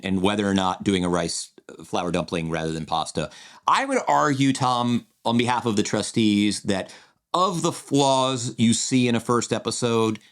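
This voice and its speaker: A man co-hosting a podcast, chatting casually through a draft analysis with lots of restarts. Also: medium pitch. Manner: rambling, many restarts and fillers. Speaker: podcast co-host.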